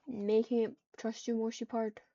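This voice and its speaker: A woman with a slightly high, dark voice and little pitch movement narrates at a moderate pace. As an online roleplayer she composes an improvised third-person roleplay story aloud, voicing dialogue and tags and repeating phrases as she goes, over a muffled lo-fi mic noisy with keyboard typing and clicks.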